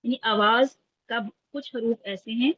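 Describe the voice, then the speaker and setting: A woman teaching Quran recitation in an online class, patiently breaking each point down and checking in with her students. Her voice is a bit husky. The call audio is muffled and lo-fi, with a dry, close sound. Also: fairly high pitch, fairly even intonation, no echo. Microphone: video call.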